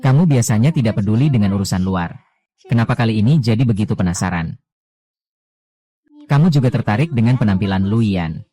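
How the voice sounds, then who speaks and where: A man reading the dialogue of a dubbed drama, voicing every role in one even, low-key delivery. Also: fairly quick, pauses often. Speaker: voice-over reader of a drama.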